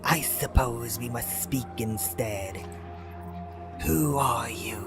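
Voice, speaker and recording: A man voicing an ancient monumental serpent that speaks slowly and menacingly. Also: medium pitch, music in the background. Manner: slow, drawn-out, ominous delivery.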